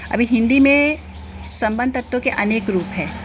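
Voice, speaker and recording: A woman's voice: fairly high pitch, normal speed, a little hiss or hum. A woman teacher explaining grammar notes in a lecture, with many fillers and checks on understanding. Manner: explains each example, asks "ठीक है ना" often, many fillers. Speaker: Hindi teacher.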